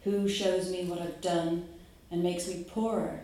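This is a poetry reading by a Dublin woman who first muses aloud about her work, hesitating on fillers, then recites it live. She has a lowish, mellow voice and a flat delivery, and the room echoes strongly.

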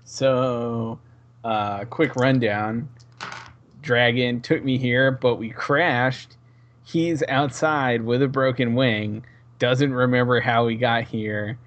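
A man's voice: mid-range voice, steady tone, slow, fairly bright tone. A man talking casually and matter-of-factly as a player in a tabletop game. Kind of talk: casual recap and chat.

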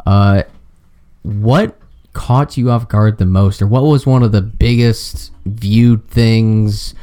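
A man hosting a podcast, asking relaxed, rambling questions. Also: fairly low pitch, slow. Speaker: podcast host. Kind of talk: casual interview questions.

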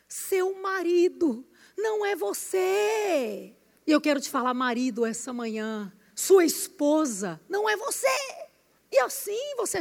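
A Brazilian woman preaching a lively sermon in a church hall, acting out little scenes and rising into shouted emphasis. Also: high-pitched, vocal fry. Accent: Brazilian Portuguese. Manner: animated, switching voices, rising into shouted emphasis. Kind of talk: lively sermon with acted-out anecdotes. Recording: reverberant hall.

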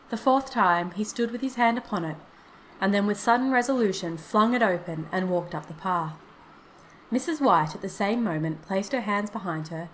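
A woman narrating a classic story in a steady, expressive reading. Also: mid-range voice, slight background noise, low-quality recording. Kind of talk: scripted narration.

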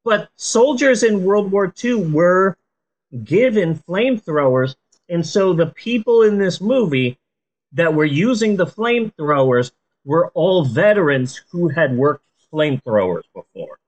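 A woman podcaster talks in a stoned, rambling way. Her low-to-mid voice takes its time and swings widely in intonation. She drops deadpan jokes and curses into loose, casual chat. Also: unhurried, low-quality recording. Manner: deadpan joking, sweary. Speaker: podcast host.

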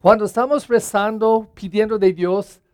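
A man's voice: high-pitched, steady tone, moderate pace, a little mellow, smooth, dry recording. Man, parish priest, Sunday homily, dry close sound, earnest, repeats phrases.

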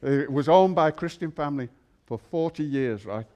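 A man's voice: fairly high pitch, normal speed, muffled recording. A man preaching in an exuberant, erratic charismatic style, with joking asides. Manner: exuberant, erratic, interjecting nonsense exclamations and chuckling; swings from quiet speech to shouting. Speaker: guest preacher, pastor.

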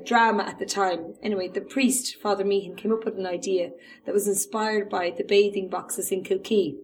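A woman with an Irish accent telling local history as an informal storyteller, pausing hesitantly as she goes. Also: medium pitch, rough recording.

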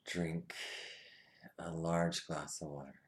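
Slow, deep-voiced man guiding a meditation. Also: little pitch movement. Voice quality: soft, often drops to a whisper. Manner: slow, soothing instructions. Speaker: meditation guide. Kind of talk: guided meditation.

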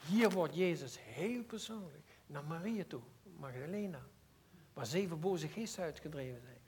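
A man with a high-pitched voice preaches a sermon in a Limburg Dutch accent. He talks earnestly and personally, shifting from loud emphatic stretches to quiet, intimate asides. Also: animated, normal speed, slight background noise.

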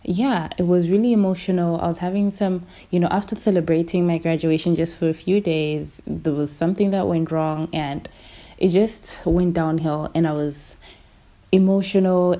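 A woman's voice: lowish voice, mellow. A young woman, hosting a podcast as a casual, candid, conversational personal monologue. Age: young adult. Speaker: podcast host.

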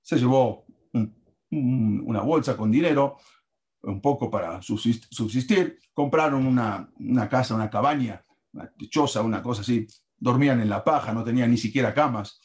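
Animated man telling a lesson story. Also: medium pitch, normal speed.

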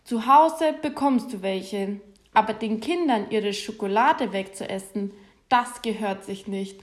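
A woman voicing a kindly, fatherly old Santa Claus who calls out and gently scolds. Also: medium pitch, measured pace, lightly acted. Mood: scolding.

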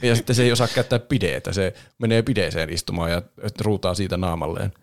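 Low gravelly guy on a podcast, chatty, laughs a lot. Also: fairly even intonation. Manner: chatty, laughs often, briefly imitates film voices. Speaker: podcast host. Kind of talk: casual chat reviewing a film.

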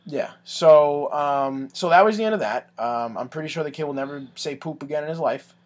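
A man's voice: on the high side, brisk. Rambling young man telling stories. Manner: rambling, filler-heavy with lots of "like" and "um". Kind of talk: casual chat, storytelling.

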